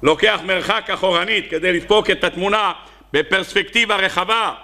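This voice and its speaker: A man's voice: gravelly, bright, forceful tone. A man with an Israeli accent, a rabbi preaching a sermon and telling parables, acting out the characters in them. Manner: storytelling, acting out characters with sudden high cries. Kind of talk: Hebrew sermon with acted parables.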